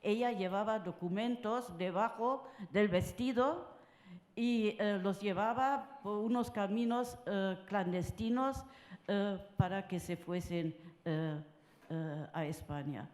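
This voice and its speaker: An older woman from France speaking at a round-table panel, halting and full of filler sounds. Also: medium pitch, darkish tone. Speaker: conference panelist. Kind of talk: personal talk at a round table. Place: conference hall. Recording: roomy conference hall sound.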